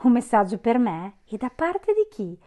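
A woman's voice: on the high side, very animated, normal speed, warm tone. A woman voicing a pale aristocratic count who speaks courteously but with authority. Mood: haughty.

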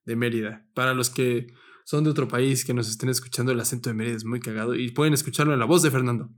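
A man's voice: mid-range voice, fairly even intonation, quick pace. A man from Mexico co-hosting a podcast, bantering casually with slangy, playful chatter. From State of Mexico, Mexico. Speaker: podcast co-host. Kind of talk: casual chat.

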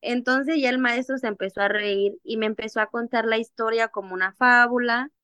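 A young adult woman from Mexico's Costa Chica, an activist appearing as an interview guest, animatedly tells her own story in conversation, acting out remembered dialogue in a Costa Chica Mexican Spanish accent. Her fairly high, smooth voice moves a little fast, in a dry recording.

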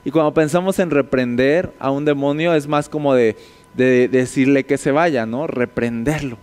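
A man teaching a conversational sermon, explaining scripture and often checking in with his listeners through quick tag questions. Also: mid-range voice, darkish tone, clear, resonant tone, long reverb tail. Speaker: preacher.

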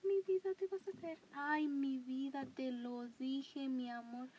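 A woman voicing a doting, overcautious mother who coos high, drawn-out pet names. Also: steady tone, darkish tone, highs cut off, slight background noise. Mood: cooing fussy.

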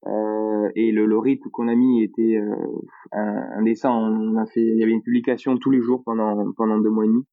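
A man's voice: on the low side, little pitch movement, moderate pace, dry recording. A man with a Toulouse accent, chatting as a podcast guest, hesitant with many fillers. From Toulouse, France. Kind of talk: casual podcast chat. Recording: tinny phone-like line.

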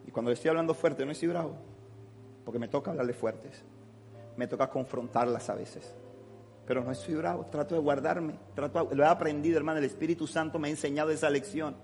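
A male pastor preaches with fervor, his fairly high voice rising to shouts and dropping to close, earnest words. The sound rings with the long reverb of a church hall, and soft music plays under him. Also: vocal fry. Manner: impassioned preaching, swings from shouting to quiet confiding. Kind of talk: sermon.

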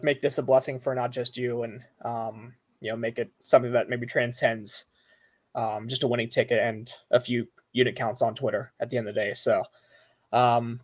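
A man with an average-pitched voice talks casually as a sports podcast host. He rambles in halting phrases, pausing often and padding his thoughts with you-knows. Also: a little mellow. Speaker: golf betting podcast host.

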